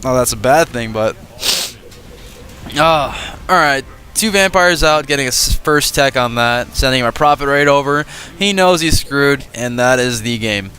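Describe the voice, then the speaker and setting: A man with a stuffy nose giving easygoing gameplay commentary, thinking out loud as he plays. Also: mid-range voice, a little slow. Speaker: gaming channel host.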